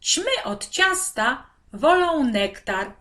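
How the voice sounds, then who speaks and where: A woman's voice: sits high, sing-song, extremely slow, fairly bright tone, pitched above the performer's own voice, heavily acted. A woman reading as a patient storybook mother. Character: patient mother explaining to her son.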